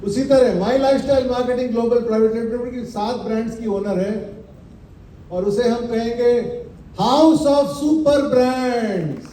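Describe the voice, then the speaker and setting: A high-voiced man with a mellow tone leads a motivational business seminar. He speaks emphatically, quizzes the crowd and slowly repeats his slogans. He sounds set back from the mic in an echoey hall. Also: fairly even intonation, distant mic, a little hiss or hum. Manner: emphatic, quizzes the audience with rhetorical questions.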